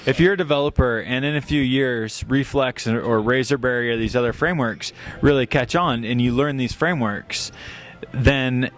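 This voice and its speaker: A man's voice: medium pitch, normal speed, soft background music. Dry man steering a podcast chat.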